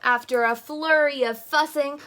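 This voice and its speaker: A woman reading a picture book aloud to toddlers, animated and coaxing, with simple questions and playful sounds. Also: on the high side, a little hiss or hum. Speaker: storyteller reading a picture book to young children.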